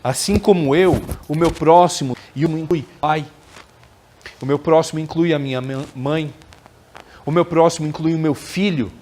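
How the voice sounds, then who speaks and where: A man's voice: fairly high pitch, moderate pace, a little mellow. A man giving a conversational spiritual lecture at a spiritist center, often ending phrases with tag questions. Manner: conversational, frequent tag questions, acts out quoted dialogue.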